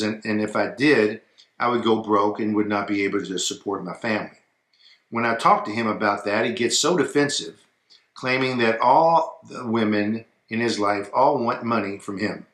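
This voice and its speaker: A man co-hosting a casual advice chat, talking in a relaxed way that trails off quietly, and reading a viewer's email aloud. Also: on the low side, reverberant. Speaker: co-host of an advice show.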